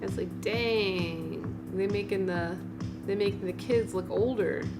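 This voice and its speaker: Over loud music, a woman in her late thirties talks slowly at a medium pitch. As a livestream host, she responds to viewers in an informal, rambling way punctuated by exclamations.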